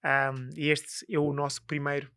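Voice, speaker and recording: A man's voice: fairly high pitch, completely flat delivery, moderate pace, pushed and bright, smooth. A man co-hosting a podcast, teasing his partner with many fillers and playful storytelling. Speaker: podcast co-host. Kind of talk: casual chat.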